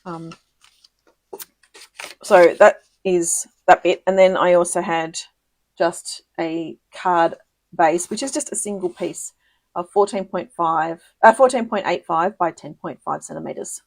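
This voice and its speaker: A woman's voice: fairly low pitch, unhurried, dry recording. Chatty woman demonstrating crafts. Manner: chatty, giggly, lots of ums and self-corrections. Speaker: papercraft demonstrator hosting a live video. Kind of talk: casual live crafting tutorial.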